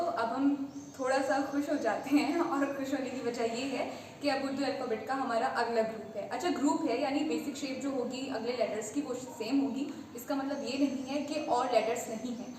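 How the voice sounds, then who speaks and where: A woman's voice: high voice, normal speed, darkish tone. A woman teaching a patient beginner language lesson, repeating each letter name step by step. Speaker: Urdu teacher. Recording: echoey room from a distance with faint noise.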